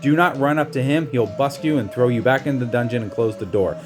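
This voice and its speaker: A man's voice: medium pitch, a little fast, over music. A man casually talking through a video game walkthrough in a chatty way, with restarts and slang. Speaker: gameplay walkthrough narrator.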